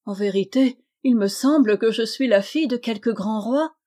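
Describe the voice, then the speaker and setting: A meek young princess in a fairy tale speaks politely, as a woman reading the story puts her on. Her voice sits a little higher than the narration and sounds gentle. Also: normal speed, close to an everyday voice.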